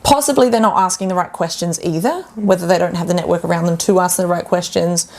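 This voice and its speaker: A woman talks casually as a guest health coach on a podcast. Her voice sits a little low with a gravelly edge, and she acts out voices in a lively, animated way. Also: quick pace.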